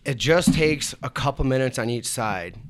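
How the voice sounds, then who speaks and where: Plain-spoken restaurant owner, a bit hesitant. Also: male voice, mid-range voice, animated, moderate pace, clear, resonant tone. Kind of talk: casual chat. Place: radio studio.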